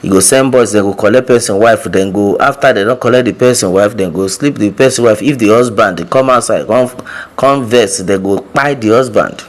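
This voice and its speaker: A man's voice: fairly low pitch, a little fast. A Nigerian man giving informal news commentary, repeating points for emphasis and addressing his listeners directly with hesitation sounds.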